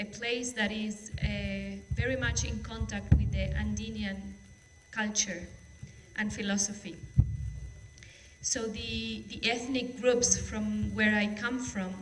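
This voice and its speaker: A woman from Argentina, commenting from the audience in a measured, hesitant way. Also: mid-range voice, a bit bright, rough recording.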